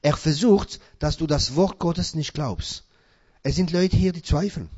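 A man's voice: on the high side, measured pace, breathy edge. Emphatic male preacher, dull lo-fi sound. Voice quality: non-native German phrasing. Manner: asks the congregation questions and answers himself; loud emphatic peaks between quieter passages. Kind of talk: sermon with scripture reading. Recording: dull lo-fi recording.

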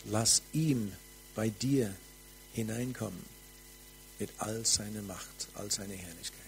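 Slow fervent male preacher, faint hum. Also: on the low side, creaky, poor audio. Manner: slow, fervent, drops to soft near-whispers. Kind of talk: charismatic sermon with prophetic ministry.

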